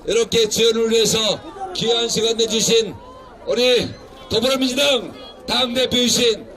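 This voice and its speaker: A man emceeing an outdoor political rally, shouting introductions and leading chants. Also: very high voice, moderate pace. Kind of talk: rally announcing. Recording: loud crowd noise outdoors.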